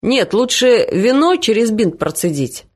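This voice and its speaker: A woman's voice: fairly high pitch, measured pace, voice pushed up. A woman reading aloud, voicing a man who jokes darkly with a straight, serious delivery. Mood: deadpan. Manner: flat, serious, deadpan. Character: deadpan joking man, dry gloomy humor.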